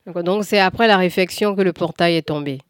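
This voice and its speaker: A woman's voice: fairly low pitch, fast. A woman hosting a radio call-in show, taking calls and asking short follow-up questions.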